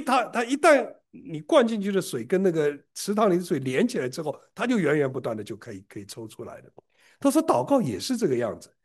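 A man preaching a sermon to his congregation, telling personal stories in an animated way with frequent restarts. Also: sits high. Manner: animated storytelling, frequent restarts and self-repair.

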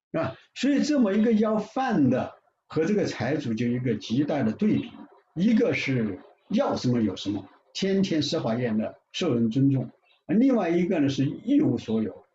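A male preacher delivers a sermon with a lively, rising and falling delivery, pressing his points again and again. His voice carries a clear echo from a large room. The sound is slightly dull, with faint ambience behind it. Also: mid-range voice, a little hiss or hum. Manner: emphatic, repetitive, with frequent "ah" fillers.

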